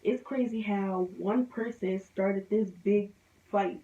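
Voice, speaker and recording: A woman's voice: mid-range voice, steady tone, slow, heavy background noise. A young woman from New Jersey telling a storytime vlog, heated and rambling, often repeating herself. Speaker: vlogger. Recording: roomy, distant, dull sound.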